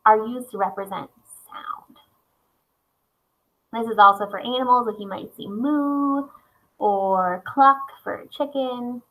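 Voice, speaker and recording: A woman's voice: mid-range voice, pushed and bright, low-quality recording. A young woman teacher explaining a lesson step by step in a patient way and reading examples aloud. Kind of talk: recorded classroom lesson.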